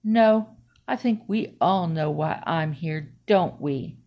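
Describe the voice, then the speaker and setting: A woman voicing a stern male small-town police officer who speaks slowly and deliberately. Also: medium pitch, animated, muffled recording.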